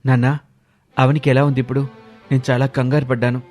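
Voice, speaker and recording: A man's voice: mid-range voice, little pitch movement, darkish tone, faint music behind, lightly acted. A man voicing a worried young husband who talks earnestly and protectively in a storybook tale. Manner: earnest, rising to a quick scolding.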